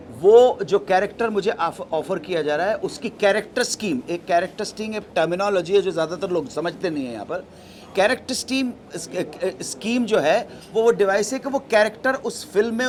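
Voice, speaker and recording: Deliberate high-voiced man explaining. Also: lively intonation. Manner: deliberate, explanatory, mixes English terms. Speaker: actor at a press event. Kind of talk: answering press questions.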